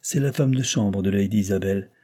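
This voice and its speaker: A man reading the part of a calm, authoritative gentleman lawyer and father in a storybook reading, in a measured, firm manner. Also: lowish voice, lightly acted.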